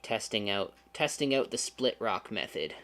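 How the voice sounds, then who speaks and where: A man's voice: fairly low pitch, animated, moderate pace, fairly bright tone. A man hosting a casual livestream, chatting with viewers and making sarcastic, joking asides. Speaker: channel host.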